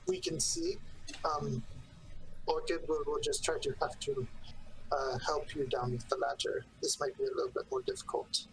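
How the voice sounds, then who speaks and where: A woman role-plays casually as a tabletop game player. Her pitch moves around in a lively way, and there is slight noise in the recording. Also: normal speed, gravelly, rough recording. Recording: faint room noise.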